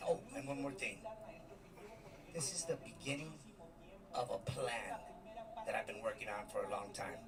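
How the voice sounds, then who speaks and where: A man's voice: medium pitch, animated, normal speed, long pauses, close to an everyday voice. A man playing a scheming, confrontational character in a pro wrestling backstage promo. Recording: distant TV playback, loud crowd noise.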